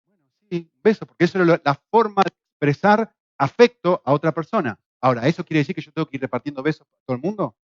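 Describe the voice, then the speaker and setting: A middle-aged man from Argentina with an Argentine Spanish accent, teaching a Bible class in a lively way, with rhetorical questions and jokes. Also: on the high side, quick pace, dry recording. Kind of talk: church class lecture. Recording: dull, lo-fi, dry sound.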